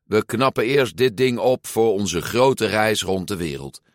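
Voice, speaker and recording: A man's voice: lowish voice, unhurried, no echo, studio quality, voice pushed up. Een man die een opschepperige, uitbundige jongen voorleest in een verhalenboek. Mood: cocky. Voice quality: boastful, grinning. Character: cocky, boisterous boy who loves his Vespa.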